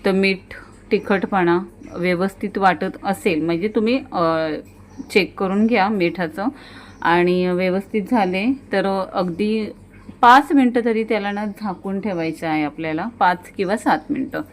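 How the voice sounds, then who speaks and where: Hosting a home cooking channel, a middle-aged woman with a medium-pitched voice talks viewers through a demonstration at a measured pace. She sounds homely and chatty, speaking straight to the audience and often saying "ना". Slight background noise is audible.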